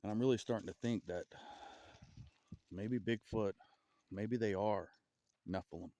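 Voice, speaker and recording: Southern man, deep voice, halting casual musing, outdoor woods vlog. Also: warm tone, no room sound. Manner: rambling, halting, with stutters and restarts. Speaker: vlogger. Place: outdoors in a forest.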